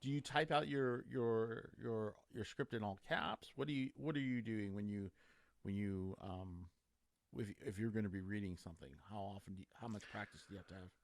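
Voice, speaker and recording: A man's voice: on the low side, brisk, no room sound, clean studio sound. A man hosting an interview, asking long, loose questions full of restarts. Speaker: interviewer host. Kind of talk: casual interview.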